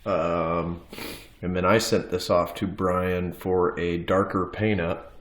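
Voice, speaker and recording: Deep-voiced guy with a stuffy cold, rambling vlog into his phone, echoey little bathroom. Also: slow pace. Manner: relaxed, hesitant, many fillers. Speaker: mask collector. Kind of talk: casual show-and-tell vlog. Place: small bathroom at home. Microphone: phone camera. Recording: echoey small room.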